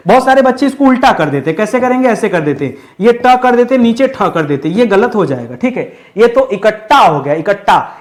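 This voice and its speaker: A male teacher giving an exam-prep lesson, asking the class questions and answering them himself in a firm, correcting way. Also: sits high. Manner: addresses students as friends, firm corrective tone. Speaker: Hindi teacher.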